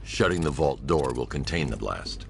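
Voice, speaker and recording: An actor playing a stern, brooding masked vigilante in a video game, speaking in a low, clipped, commanding way. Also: male voice, lively intonation, moderate pace, gravelly, slight background noise, exaggerated voice. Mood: grim.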